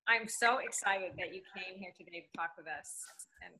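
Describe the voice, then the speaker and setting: Very bright, effusive woman interview host. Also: mid-range voice, normal speed, rough recording. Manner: effusive, gushing. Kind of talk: casual conversational interviewing.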